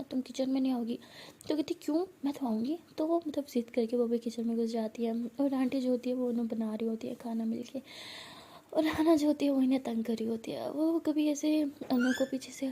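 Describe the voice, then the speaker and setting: A woman narrating a romantic story and voicing its characters in a soft, partly whispered manner. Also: sits high, breathy edge.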